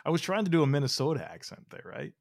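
A man's voice: on the high side, sing-song, rapid-fire, gravelly, darkish tone, no room sound, studio quality. A man hosting a sports podcast in casual chat, talking in a rambling way with lots of "like". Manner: rambling, heavy use of "like". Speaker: podcast host.

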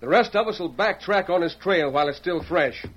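High-pitched, firm western sheriff. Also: male voice, lively intonation, brisk, a bit bright. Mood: stern. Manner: folksy, barking orders. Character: firm, authoritative Wild West sheriff. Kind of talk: old-time radio western acting. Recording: dull old radio recording with hiss.

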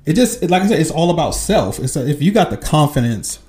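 A man's voice: on the high side, sing-song, fairly quick, a little mellow. A man in his forties talking candidly in a casual podcast chat, swearing freely and laughing easily. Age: 40s. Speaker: podcast guest.

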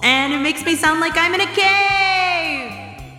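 A woman hosting a kids' show, her voice run through a cave echo reverb effect and delivered in a playful, bright way. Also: very high voice, slow, faint music behind.

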